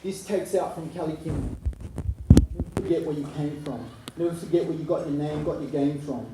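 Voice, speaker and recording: A man, performing spoken word poetry live with a rhythmic, rhyming delivery that swings between hushed and forceful. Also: a little high, steady tone, normal speed, heavy background noise. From Chile. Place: live arts venue. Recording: echoey room, mic from far off.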